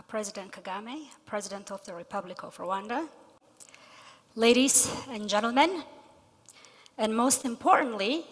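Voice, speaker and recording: A middle-aged woman from Ethiopia delivering a prepared speech on stage, measured with emphasis on key words. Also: a little high, a bit bright. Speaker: guest speaker. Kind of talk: prepared speech read from notes. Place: large convention hall stage. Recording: long reverb of a big hall.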